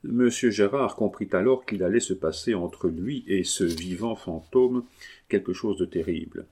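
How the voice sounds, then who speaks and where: A man reading a classic novel aloud as an audiobook narrator, measured and dramatic. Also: low voice, dark tone.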